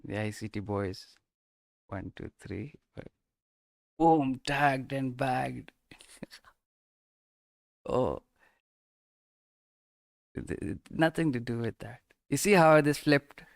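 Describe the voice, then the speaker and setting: Slow, muttering man trading live. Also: mid-range voice, lively intonation, creaky, dry recording, studio quality. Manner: mutters and trails off, exclaiming at price moves. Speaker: live stream day trader. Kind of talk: casual live commentary.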